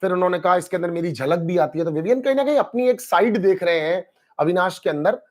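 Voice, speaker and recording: Brief: male streamer, high-pitched, animated and chatty, reads comments to his audience. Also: fast. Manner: animated, mixes Hindi with English phrases, addresses chat by name. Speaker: live-stream host reviewing a reality show. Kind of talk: casual live-stream chat reading viewer comments.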